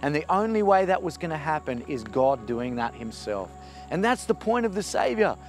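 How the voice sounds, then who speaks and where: A man's voice: on the high side, big pitch swings, normal speed. A man, a pastor giving an earnest, encouraging sermon on a forest path. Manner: earnest, encouraging preaching with emphatic rises. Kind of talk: outdoor video sermon. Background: soft music.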